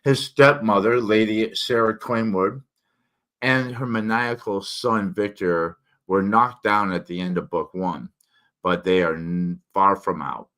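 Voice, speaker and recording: Male book reviewer, low voice, slurred tongue-forward diction, informal and somewhat halting delivery. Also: a bit bright. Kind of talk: casual spoken book review, partly read aloud.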